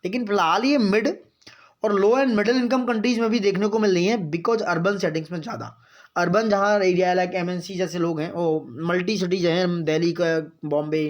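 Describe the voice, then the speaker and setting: A man giving a current-affairs lesson for exam students, reading out points slowly and then explaining them in chatty asides, often checking that his students follow. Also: sits high, fairly even intonation, lo-fi sound. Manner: mixes in English phrases, reads slowly, explains in chatty asides; keeps asking "got it, friends?". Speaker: exam-prep teacher.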